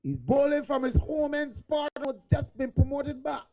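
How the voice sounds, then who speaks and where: A man giving live cricket play-by-play, excitable and rising to shouts on big hits, heard on a dull lo-fi recording. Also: extremely high pitch, normal speed. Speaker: cricket commentator.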